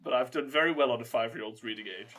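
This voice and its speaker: A man's voice: mid-range voice, fast talker, fairly bright tone. A man co-hosting a podcast in casual comedic chat, tipsy on gin, swearing and making self-deprecating jokes. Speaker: podcast co-host.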